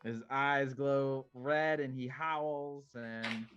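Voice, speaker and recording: A man narrating his character's moves in a tabletop role-playing game, informal and halting. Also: mid-range voice, steady tone, fairly bright tone. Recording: dull lo-fi mic, music behind.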